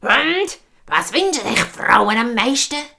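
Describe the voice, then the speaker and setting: A woman storyteller with a Swiss German accent voicing an old forest hag, shrill, loud and mocking. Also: very animated, moderate pace, creaky, exaggerated voice. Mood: shrill, scolding. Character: old forest hag shouting from oak tree.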